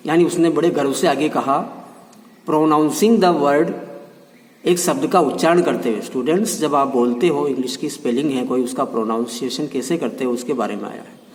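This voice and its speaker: A man's voice: mid-range voice, recorded from a distance. Man teaching a lesson in an echoey room. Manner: reads English lines slowly, then explains in Hindi; repeats meanings with frequent check-ins. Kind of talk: Hindi-English textbook lesson.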